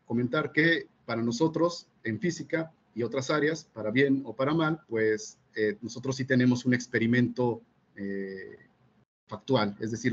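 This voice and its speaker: A man, a physics teacher presenting at a seminar, measured and full of fillers and checking questions. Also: mid-range voice, slightly rough, lo-fi sound. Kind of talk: explanatory academic presentation.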